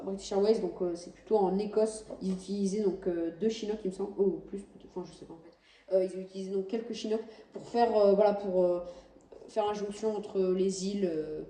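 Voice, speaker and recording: A woman talks through game footage in a casual, halting way, stopping often to correct herself. Her voice is very dark and mellow. She sounds set back from the mic in a roomy space with a faint hum behind her. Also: medium pitch, fairly even intonation. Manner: hesitant, many fillers and self-corrections. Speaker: gaming channel host. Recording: roomy, distant mic, faint background noise.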